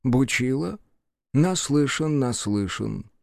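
A fussy, ceremonious town official who bows over his words and pleads with his staff, as a man puts him on in an audiobook. His voice sits a little higher than the narrator's, with a lively, rolling pitch. The sound is dry and close. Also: slow pace, vocal fry, no room sound. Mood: polite. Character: fussy, polite middle-aged male town official.

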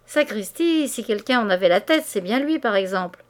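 A woman's voice: fairly high pitch, expressive, measured pace. A woman voicing a jealous young husband who keeps pressing his wife with insistent questions, in an audiobook of a classic novel. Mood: insistent, teasing.

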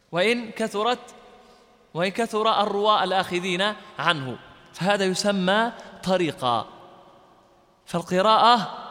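A man with a bright, forceful, high-pitched voice teaches a classroom lesson on Quran recitation, trailed by a long reverb. He explains terms step by step, quizzes his listeners, and chants short verse quotations as he goes.

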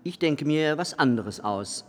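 A man voicing a small, sly gnome man in a red pointed cap, with cheeky, excitable exclamations. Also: fairly high pitch, a little slow. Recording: long reverb with faint music behind.

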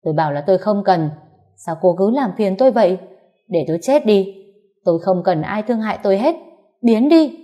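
Brief: woman playing an embittered sick old mother-in-law, loud, high and hurried, mellow tone. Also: lively intonation, lightly acted. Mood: furious. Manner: shouting, rapid, resentful. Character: bitter bedridden elderly mother-in-law, furious.

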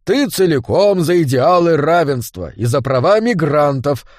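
Brief: a man playing a boozy bearded barkeep, raised pitch, loud and rambling, storybook reading. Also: sing-song, moderate pace, no echo, clean studio sound. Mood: boisterous. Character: drunk bearded male tavern keeper, boastful and sly. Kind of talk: audiobook character voice.

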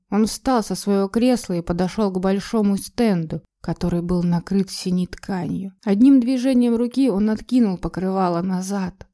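A woman reads a dark first-person tale with emotional tension in her delivery. Her voice is mellow and warm, sitting at an ordinary mid pitch. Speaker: narrator. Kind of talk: dramatic audiobook narration.

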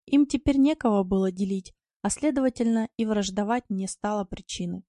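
Dark-voiced woman reading a story. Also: medium pitch, a little fast, no echo, studio quality. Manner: calm, expressive storytelling. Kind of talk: audiobook narration.

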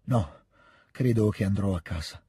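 A man voicing a shy young man who makes excuses in a hurried, hesitant way. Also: on the low side, mellow, breathy edge, no echo, clean studio sound. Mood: awkward.

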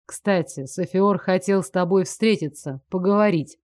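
A woman voicing a self-assured nobleman who speaks low and unhurried, with dry close sound. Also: darkish tone, no room sound, lightly acted. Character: calm self-assured nobleman, gently commanding. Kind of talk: audiobook character voice.

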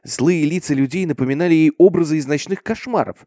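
A man's voice: fairly high pitch, fast, no room sound, clean studio sound. A man narrating a horror story in a grave, dramatic reading voice. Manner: grave, darkening to a hush in grim passages.

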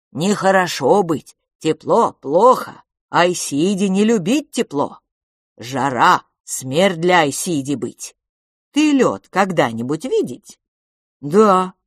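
A woman's voice: low-pitched, no echo, clean studio sound, heavily acted. A woman voicing a cheerful, hungry male cave creature who speaks in broken grammar, eager and sing-song.

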